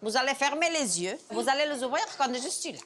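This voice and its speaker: A woman who handles adoptions, speaking warmly and coaxingly to a visiting family. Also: high voice, expressive, fast talker. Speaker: adoption manager. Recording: crowd noise behind.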